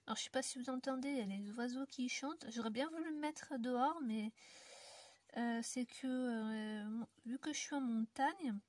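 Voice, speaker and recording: A French woman, a YouTuber colouring on camera in an indoor room in the mountains, chats casually to her viewers. Her voice is on the high side and a little mellow, at a moderate pace with no room sound. She rambles with plenty of fillers and often drops to a near-whisper.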